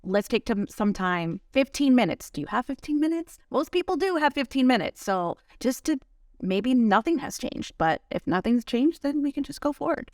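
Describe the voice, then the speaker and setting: A woman's voice: sits high, sing-song, normal speed, darkish tone, no echo, clean studio sound, distant mic. A woman guest who owns an insurance agency, speaking plainly with a few hesitations on a casual talk show. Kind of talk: casual chat.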